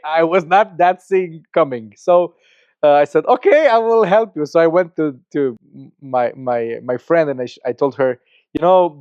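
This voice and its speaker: Speaking with a Romanian accent, a middle-aged man from Romania tells his story in earnest as a podcast guest and church planter, with frequent restarts and repeated words. His voice is a little high and a little mellow, with no room sound in the slightly muffled, dry podcast audio.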